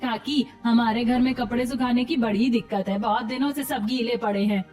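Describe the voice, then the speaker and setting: Cartoon auntie, pushy and coaxing, a woman voicing her, high voice, slightly distant from the mic, soft music behind, insistent manner. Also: fairly even intonation, normal speed, lightly acted. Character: scheming older village woman, pushy.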